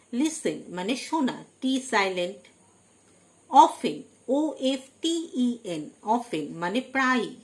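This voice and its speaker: Slow, deliberate woman teacher. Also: medium pitch. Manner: slow, deliberate, stresses each headword. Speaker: English teacher. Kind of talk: slow vocabulary lesson, spelling words letter by letter.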